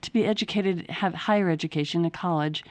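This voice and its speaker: A woman's voice: on the low side, brisk, a little mellow, no echo. A middle-aged woman, an author, explaining things in a radio interview in an earnest way, often restarting her sentences. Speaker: author and guest.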